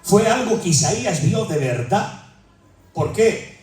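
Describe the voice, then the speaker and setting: A man's voice: high-pitched, animated, slow, a little mellow, recorded from a distance. A man from Spain preaching a sermon, impassioned and repetitive, his voice rising to cries. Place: large echoey church hall. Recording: very echoey church, voice from afar.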